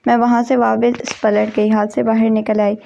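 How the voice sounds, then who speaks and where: Flat, gravelly woman storyteller. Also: fairly high pitch. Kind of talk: first-person story narration. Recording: dull lo-fi recording.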